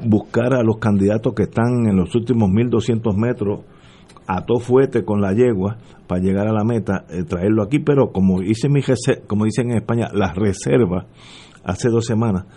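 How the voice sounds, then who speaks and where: A man's voice: on the low side, normal speed, dark tone, breathy edge. An older man with a Puerto Rican accent hosting a talk show interview, rambling and joking as he talks. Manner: joking, rambling, laughs often. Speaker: radio talk show host.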